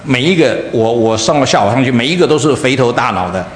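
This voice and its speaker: A man pastor preaching a sermon, telling a story in an animated way that swings from loud highs to soft lows, heard in a church hall. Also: fast talker. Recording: echoey hall, faint room noise.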